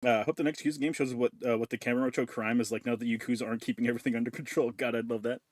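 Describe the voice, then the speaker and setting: A man's voice: medium pitch, fairly even intonation, rapid-fire, no room sound, clean studio sound. A man streaming from home, chatting casually and crudely with his chat while eating and chewing into a desk mic. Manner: crude, joking, talks while chewing food. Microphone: desk mic with noise removal.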